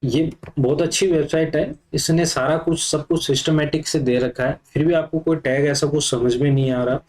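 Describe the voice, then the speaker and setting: A man's voice: fairly high pitch, steady tone, moderate pace, darkish tone, low-quality recording. A man teaching a computer class, explaining step by step while he types, with frequent fillers. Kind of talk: live coding lesson.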